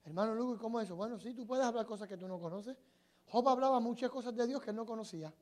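High-voiced impassioned man preaching. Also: rapid-fire. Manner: swings from shouted, tearful climaxes to quiet teaching. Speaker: preacher teaching a teachers' workshop. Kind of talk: impassioned sermon testimony.

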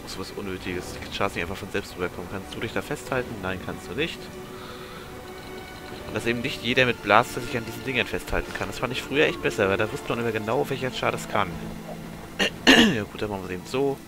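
Fast-talking and low-voiced, a let's player offers casual, off-the-cuff commentary as he games. He grumbles mildly and mutters to himself while the game's music plays clearly underneath.

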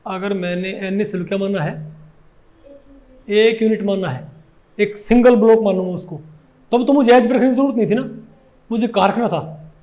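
A man with a Hindi accent and a strikingly high voice lectures on chemistry. He keeps asking his class rhetorical questions and goes over each point again and again. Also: moderate pace, pauses often, warm tone. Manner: asks constant rhetorical questions, repeats points. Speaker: chemistry teacher.

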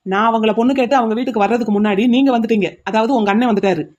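A woman voicing a loud, indignant young man who is the fiancé in a cartoon. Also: a little high, very fast, muffled recording, close to an everyday voice.

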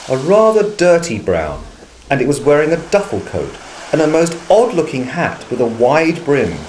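A man reading a children's storybook aloud with an expressive, storytelling delivery. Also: mid-range voice, a little hiss or hum, low-quality recording.

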